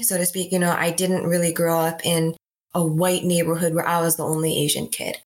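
Woman guest from the Boston area, lowish voice, measured and reflective. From United States (greater Boston area). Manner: reflective, measured, thoughtful pauses. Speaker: podcast guest. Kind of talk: personal storytelling interview.

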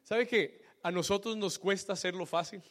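A male pastor delivering a sermon, switching between Spanish and English phrase by phrase and building to loud exhortations. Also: high-pitched, moderate pace. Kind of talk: bilingual sermon.

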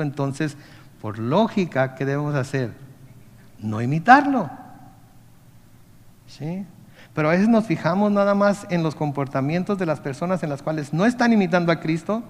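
A man's voice: a little high, a little mellow, in a large hall. A man preaching a conversational sermon as pastor, often asking the congregation questions.

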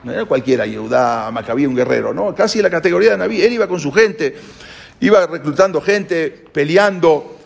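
A man giving a religious history lesson, telling the story in an animated way with frequent stumbles and restarts. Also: on the high side, a little fast, creaky. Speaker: religious teacher.

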